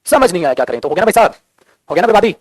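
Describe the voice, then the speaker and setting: Man, grammar teacher, class lecture, very fast talker, teasing and scolding, dry close sound. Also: high-pitched, big pitch swings, no echo. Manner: playful scolding, calls students "beta", jokes; teasing, repetitive drilling questions.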